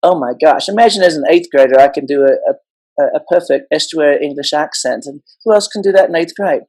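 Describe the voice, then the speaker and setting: A man's voice: a little high, fast talker, a little mellow, poor audio. A middle-aged man telling his story as a guest in a casual interview, impassioned and emphatic with a joking streak. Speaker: guest educator.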